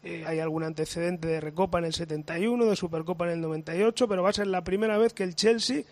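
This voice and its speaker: A hoarse man giving a brisk, factual club report on a sports radio show. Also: sits high, a little mellow, no echo. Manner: brisk, factual news delivery.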